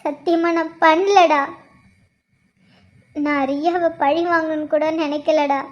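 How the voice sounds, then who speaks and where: Woman voicing a guilty elder sister, pleading, very high voice. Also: fairly even intonation, slow pace, highs cut off. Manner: pleading, emotional. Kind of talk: cartoon voice acting.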